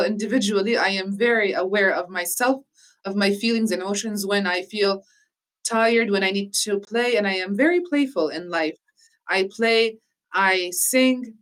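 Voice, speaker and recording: In a rough recording, a woman speaking about healing practice talks reflectively and conversationally. Her medium-pitched delivery is earnest and measured, with many restarts.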